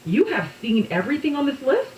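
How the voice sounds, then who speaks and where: A woman hosting a morning radio show, chatting casually and reading a news rundown in an expressive, giggly manner. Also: high voice, brisk, distant mic, a little hiss or hum. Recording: roomy echo.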